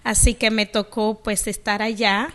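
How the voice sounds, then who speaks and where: A woman's voice: medium pitch, little pitch movement, a little slow, a bit bright. A middle-aged woman from the Dominican Republic, a guest on a radio show, earnestly telling her life story. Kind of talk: radio interview, personal testimony.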